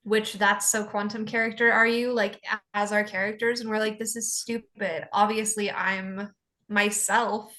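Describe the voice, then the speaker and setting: A woman's voice: mid-range voice, little pitch movement, moderate pace, pushed and bright. A woman in a casual chat on a video call, playful and joking. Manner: playful, jokey.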